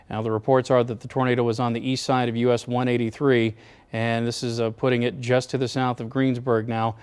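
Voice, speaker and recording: Male TV meteorologist, mid-pitched, serious and explanatory, delivering live severe storm warnings from a studio. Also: a little mellow, clear, resonant tone. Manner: measured, serious, explanatory, urging caution. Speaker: TV weather forecaster anchoring storm coverage. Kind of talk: live severe weather commentary.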